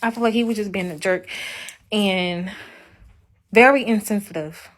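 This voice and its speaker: A woman's voice: mid-range voice, moderate pace. A young woman venting on a casual livestream, ranting bluntly and emphatically with a lot of profanity.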